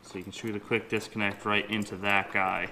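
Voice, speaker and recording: A lowish, bright, forceful voice with little pitch movement comes from a man in his twenties who hosts a car modification vlog. Speaking a little fast, he gives a casual hands-on tutorial to camera in his home garage, partly inside a vehicle, with a little hiss or hum.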